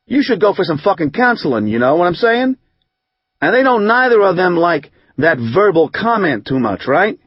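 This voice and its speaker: Man reading an audiobook doing a foul-mouthed angry guy, rambly slangy rant, kinda high voice, dull lo-fi sound. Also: slightly rough, no room sound. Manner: rambling, profane, street slang. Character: rough profane man, bitter, hot-tempered, recovering drinker. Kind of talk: audiobook narration.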